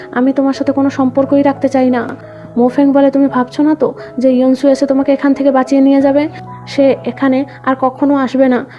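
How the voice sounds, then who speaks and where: Woman with a mellow, darker tone for drama recap narration; dull lo-fi voice-over. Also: high voice. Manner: reads quoted dialogue in the same even narrating voice. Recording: dull lo-fi voice-over with background music.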